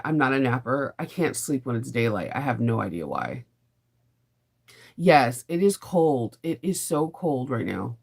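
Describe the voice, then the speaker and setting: Hosting a casual sewing live stream, a woman with a bass voice chats in a rambling, laughing way. Her voice is raspy because a sinus illness is making her lose it.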